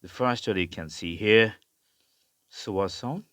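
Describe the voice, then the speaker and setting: A man teaching English pronunciation, spelling out sounds slowly and repeating each word several times. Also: on the low side, a bit bright, no echo. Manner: mixes Bengali explanation with English words. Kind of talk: slow spoken lesson, spelling out sounds.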